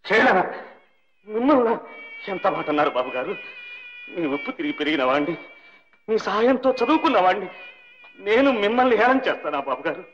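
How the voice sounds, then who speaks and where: A man's voice: sits high, sing-song, fast, pauses often. An actor playing a young male doctor, earnest and reverent toward the old man who paid for his studies, in a film melodrama. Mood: hurt. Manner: earnest, reverent, calls out in anguish. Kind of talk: 1960s Telugu film melodrama. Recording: dull old film soundtrack with faint music.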